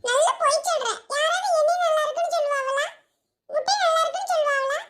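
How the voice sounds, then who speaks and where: A woman's voice: extremely high pitch, quick pace, a bit bright. A woman voicing a stubborn teenage girl in a cartoon, whining and pleading as she refuses. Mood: whiny. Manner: whiny, protesting, pleading. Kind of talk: cartoon voice acting.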